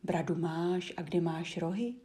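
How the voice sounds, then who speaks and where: A woman's voice: on the low side, fairly even intonation, dark tone, natural voice. A woman voicing cheeky little goat kids teasing a wolf, in whispered role-play.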